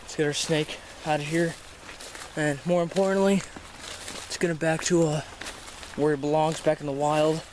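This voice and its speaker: A man with a slightly high voice talks off the cuff as host of an outdoor wildlife vlog. He is informal and exclamatory, swearing freely and addressing his viewers. The handheld camera picks up faint outdoor noise around him. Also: flat delivery, normal speed, pauses often, darkish tone. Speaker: host of amateur snake-catching vlog. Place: outdoors by a creek in weedy woods. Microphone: handheld camera held by the speaker.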